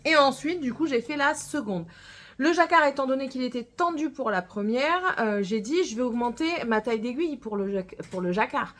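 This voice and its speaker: A woman's voice: high-pitched, lively intonation, moderate pace, a bit bright. Chatty woman with a northern French accent. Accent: northern French with a touch of Gironde. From northern France. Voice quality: rambling, full of hesitations and self-corrections. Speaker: knitting podcaster. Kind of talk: casual chat to camera.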